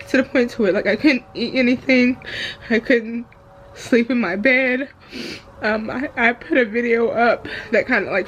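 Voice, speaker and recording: A woman talking candidly in a raw personal vlog, hesitant and halting as she confides in viewers. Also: on the high side, slight background noise, low-quality recording. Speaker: vlogger. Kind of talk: raw confessional vlog talk.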